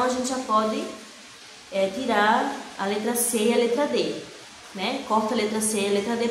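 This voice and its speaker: A young woman from Brazil teaching an exam-prep English lesson, explaining step by step and ending phrase after phrase with a quick "né?". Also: fairly high pitch. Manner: explains step by step, tags nearly every phrase with "né?". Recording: echoey room with faint background noise.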